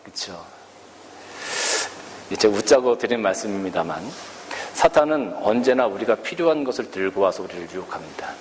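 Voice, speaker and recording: A male Korean pastor preaches with animated, sweeping intonation and many rhetorical questions. His voice rings through a reverberant church hall. Faint room ambience sits underneath. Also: on the low side, normal speed, long pauses, slight background noise. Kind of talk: sermon.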